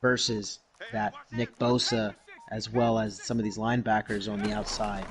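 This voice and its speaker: A man calling a simulated football game in broadcast style, with brisk play-by-play that rises on big plays and quick self-corrections. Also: fairly low pitch, flat delivery, crowd noise. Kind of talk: mock broadcast sports commentary over a video game.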